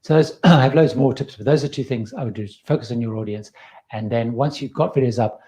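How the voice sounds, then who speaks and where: A man in his fifties with a slight Zimbabwean accent and a warm, mellow voice. He hosts a live-stream Q&A in a loose, chatty way, handing out advice as he goes. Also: mid-range voice, fairly quick. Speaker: host.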